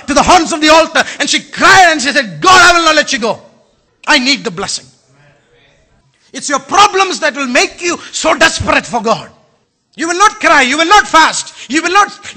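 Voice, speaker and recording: A man with an Indian accent preaching a sermon, impassioned and sometimes shouting, putting questions to the congregation. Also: extremely high pitch. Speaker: pastor.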